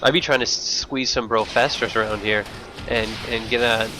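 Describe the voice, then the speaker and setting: A man with a lisp and slushy s sounds, giving excitable live esports commentary and thinking aloud. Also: mid-range voice, normal speed, over music, low-quality recording. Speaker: esports shoutcaster. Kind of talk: live StarCraft match commentary.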